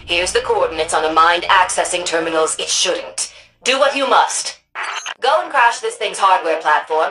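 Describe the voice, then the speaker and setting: An older woman played by an actress runs a futuristic city as its administrator in a sci-fi video game. Her voice sits fairly low, and she speaks with crisp authority and dry wit, like an official giving mission orders. Music plays behind her words. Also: fairly bright tone, lightly acted, low-quality recording. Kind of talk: scripted mission briefing dialogue.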